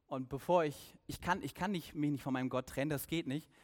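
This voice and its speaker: A preacher voicing a soft-spoken young missionary. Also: male voice, a little high, brisk, long reverb tail, close to an everyday voice. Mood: calm. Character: young male missionary, calm and faithful.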